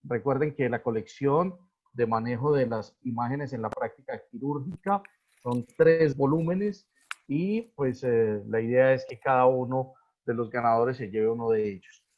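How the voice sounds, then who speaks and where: A man's voice: medium pitch, unhurried. Man moderating a lo-fi webinar. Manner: hesitant, with frequent fillers and restarts. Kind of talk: hosting a live video webinar. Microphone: video call. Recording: lo-fi video call audio.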